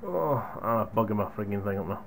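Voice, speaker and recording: Against a noisy background, the young man speaks briskly and animatedly in a voice on the low side. He's a hardware reviewer giving casual vlog chat to viewers from a small room at home, recorded on a gaming headset boom microphone.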